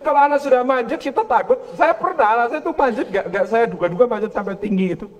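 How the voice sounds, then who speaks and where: A man giving a parenting lecture to a live audience, animated and telling stories as he preaches. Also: quick pace. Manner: animated, acts out quoted parents in higher voices.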